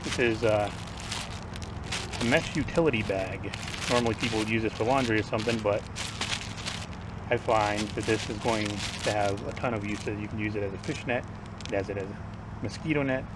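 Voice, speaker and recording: A man's voice: on the low side, fairly even intonation, moderate pace, pauses often. A man casually rambling through survival gear as a vlogger, offhand, his speech slightly off after having teeth pulled. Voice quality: slightly impaired speech after tooth extraction. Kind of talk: casual product rundown to camera. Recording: distant mic, noisy outdoor ambience.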